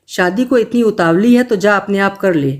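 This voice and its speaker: A stern, hot-tempered middle-aged mother, read by a woman storyteller in a storybook reading. She scolds in short, sharp lines. Her voice sits at a plain middle pitch. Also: normal speed, natural voice. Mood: scolding.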